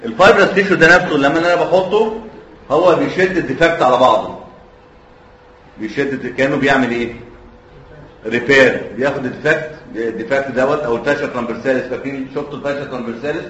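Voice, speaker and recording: A man with an Egyptian Arabic accent gives a surgery lecture in a lecture hall, quizzing students and letting them finish his sentences. His mid-range voice is very fast and a bit bright. The audio is dull and lo-fi, with the hall's echo and a little hiss or hum.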